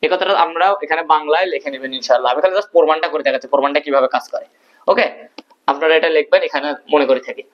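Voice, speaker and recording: A man's voice: on the high side, very fast. A male teacher explaining a physics proof at a board, asking questions and answering them himself. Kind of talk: physics lesson at a whiteboard. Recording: dull lo-fi recording.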